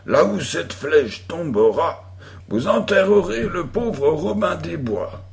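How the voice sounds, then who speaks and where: A man's voice: on the high side, very animated, slow, vocal fry, pitched above the performer's own voice, exaggerated voice. A man voicing a bold young boy who plays the hero of an outlaw game, in a theatrical, commanding manner.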